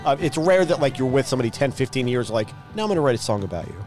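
A man's voice: medium pitch, big pitch swings, rapid-fire, a little mellow. A man co-hosting a podcast, chatting casually and teasing with crude jokes. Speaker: podcast co-host. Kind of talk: casual chat. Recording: faint music behind the voice. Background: recorded music.

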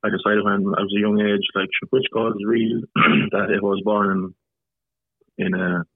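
A man's voice: lowish voice, level tone, normal speed, husky, no echo. A man with an Irish accent, a podcast guest talking bluntly in casual conversation, swearing now and then. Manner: blunt, swears, repeats words. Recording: tinny phone-line sound.

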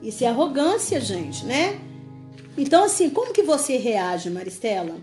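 High-voiced woman preaching earnestly. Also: sing-song, moderate pace, a little mellow, soft background music. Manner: earnest, emphatic, addresses listeners as "gente". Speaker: women's Bible study leader. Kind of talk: preaching to a small group.

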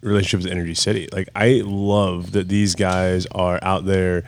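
Male podcast guest, lowish voice, relaxed and loose. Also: moderate pace, gravelly. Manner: relaxed, talks with lots of fillers. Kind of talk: casual podcast chat.

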